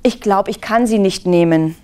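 A woman's voice: mid-range voice, moderate pace, mellow, clean tone, lightly acted. A woman voicing a doubtful, fussy queen in a children's story reading, speaking hesitantly and drawing her words out. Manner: hesitant and drawn out.

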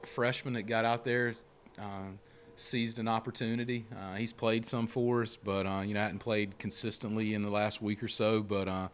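A middle-aged man speaks into a handheld mic at a postgame press conference. His voice sits low and stays level, with little rise or fall. He talks plainly and steadily with frequent fillers, over a faint room hum. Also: level tone, moderate pace. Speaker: head baseball coach. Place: press room before a sponsor backdrop. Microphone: handheld mic held close.

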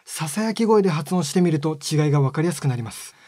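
A man narrating a lesson in a calm, polite, step-by-step manner. His voice sits a little high for a man. It is recorded close and dry, with no room sound. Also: fast talker, dry recording. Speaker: phonetics teacher. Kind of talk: scripted explanatory narration.

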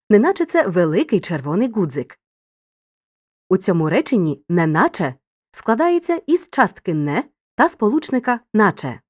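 Lively-voiced woman narrating a lesson. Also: medium pitch, no room sound, clean studio sound. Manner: clear, didactic, addresses the listener directly. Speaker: teacher. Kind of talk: scripted narration.

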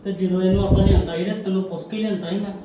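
A man playing a calm, soothing husband. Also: high voice, rapid-fire, recorded from a distance, muffled recording, background noise, lightly acted. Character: patient, kindly husband and elder brother. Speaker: actor in a family web drama. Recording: echoey room, faint music.

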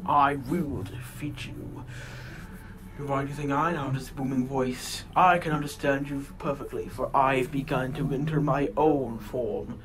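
Man acting a booming, arrogant warrior god. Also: fairly even intonation, a little slow, natural voice. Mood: gloating. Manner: grandiose, menacing. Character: arrogant booming newly deified Spartan warrior villain. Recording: noisy homemade recording.

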